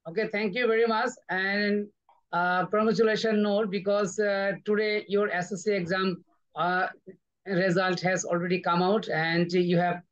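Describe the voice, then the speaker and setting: High, flat-voiced male teacher. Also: moderate pace, dull audio. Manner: brief, encouraging, passes the floor. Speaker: English teacher and host. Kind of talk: hosting an online English session.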